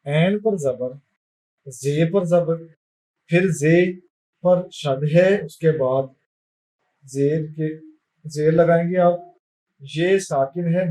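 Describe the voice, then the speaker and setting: A male teacher giving a lesson, spelling out vowel marks in a slow, careful dictation. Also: fairly high pitch, mellow. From Pakistan. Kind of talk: classroom lesson.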